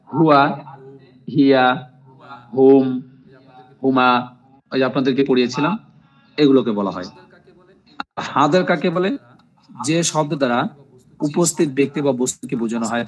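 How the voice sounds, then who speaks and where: A man's voice: medium pitch, animated, a little fast, long pauses, poor audio. A man teaching Arabic grammar in an online class, repeating terms for drills and often checking with "ঠিক আছে?".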